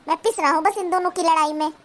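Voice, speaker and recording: A woman's voice: extremely high pitch, steady tone, fast. A woman voicing a young husband stuck between his mother and his wife in a cartoon. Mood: placating. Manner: pleading, placating.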